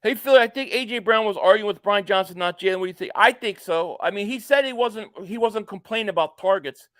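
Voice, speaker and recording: This forties-aged live stream host rambles through a football game, chatting and tossing in jokey asides while reading out viewer comments. He talks fast in a high, slightly bright voice. The sound is clean studio quality with no echo.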